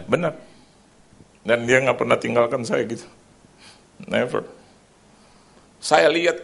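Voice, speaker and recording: Bright-voiced preaching man. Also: fairly high pitch. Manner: lively preaching with shifts between loud and soft, sound effects. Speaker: pastor, evangelist. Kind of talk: sermon. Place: church.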